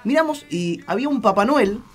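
A man's voice: very high voice, animated, brisk. An Argentine man telling a funny story in a casual radio chat, laughing often. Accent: Argentine Spanish.

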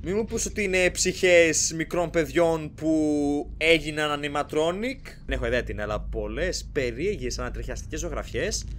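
A man hosting a let's play, giving excitable, jokey commentary as he plays and shouting at game characters. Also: a little high, few pauses, slight background noise. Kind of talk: live gameplay commentary.

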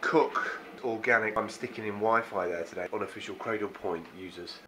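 Young man, casual vlogger, relaxed to camera; noise behind the voice. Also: lowish voice, moderate pace. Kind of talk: casual vlog chat. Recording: noisy background.

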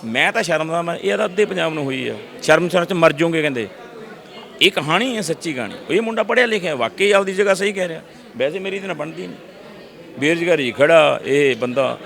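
A middle-aged man, telling lively stories in an interview and acting out voices. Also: fairly high pitch, fast talker, vocal fry. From Punjab, India. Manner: lively storyteller, acts out voices, frequent restarts. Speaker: actor interviewee. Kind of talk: animated casual interview talk.

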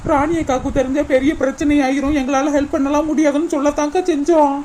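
A woman's voice: high-pitched, little pitch movement, fast talker, warm tone, slight background noise, lightly acted. A woman voicing a bold, outspoken young village woman in a cartoon comedy, with a blunt, pushy way of talking. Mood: urging.

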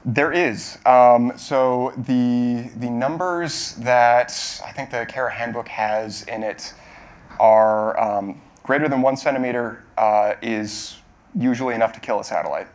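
Taking questions from the podium of an auditorium stage, the man in his thirties who gave the technical talk responds in a medium-pitched voice. He halts often, qualifying his words and fixing them as he goes.

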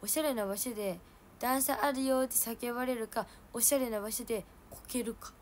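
A young woman with a Hiroshima dialect, hosting a casual livestream and chatting with viewers from home. She laughs at herself and gets loud when she acts out what people said. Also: a little high, steady tone, brisk, slight background noise. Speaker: idol livestream host.

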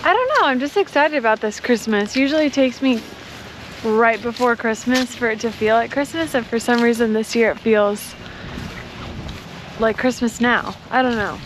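A woman's voice: a little high, moderate pace, a little hiss or hum, low-quality recording. A young woman chatting casually and cheerfully outdoors. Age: young adult. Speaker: vlogger's partner. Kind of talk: casual chat. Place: outdoors in a park.

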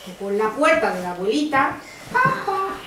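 A woman from Andalusia narrating a fairy tale in an expressive sing-song way to small children. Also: sits high, normal speed. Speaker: storyteller mother. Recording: echoey school hall from far off, noisy.

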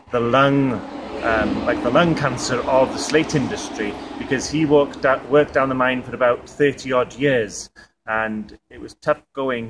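A Welsh man from Wales, working as a tourism representative, speaks haltingly in an on-camera interview, full of fillers and restarts. His mid-range voice is a bit bright, caught by a camera mic in an outdoor museum yard beside stone buildings. The recording is low quality, with outdoor noise in the background.

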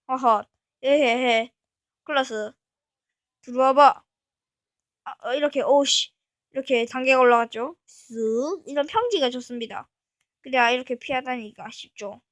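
A woman hosting a gaming channel, talking casually through a game step by step and breaking into excited exclamations. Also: high-pitched, no room sound, clean studio sound. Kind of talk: casual gameplay commentary.

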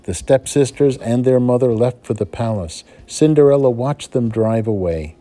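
A male first-grade teacher reading a fairy tale aloud to children, in a dramatic, expressive storytelling manner. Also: medium pitch, normal speed.

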